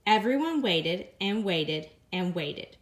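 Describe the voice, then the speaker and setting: With a voice on the low side, a woman teacher expressively reads a picture book to her class. Repeated phrases come slowly, and she lifts her voice when the characters speak.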